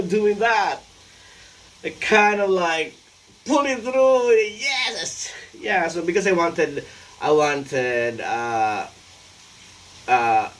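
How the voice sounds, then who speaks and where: A Filipino man in his forties, talking alone in a rambling vlog, halting and full of fillers, playful at times. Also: a little high, fairly bright tone, distant mic, a little hiss or hum. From Philippines. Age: 40s. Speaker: vlogger and tax consultant.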